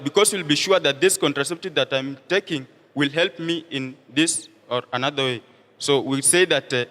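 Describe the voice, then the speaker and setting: A man's voice: a little high, sharp tone. A tired Kenyan teenage boy answering debate questions hesitantly, with many fillers and tag questions. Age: late teens. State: tired and hungry. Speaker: student debater. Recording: reverberant school hall.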